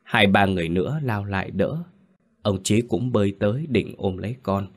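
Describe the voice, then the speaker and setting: Low-voiced man narrating a horror story. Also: moderate pace.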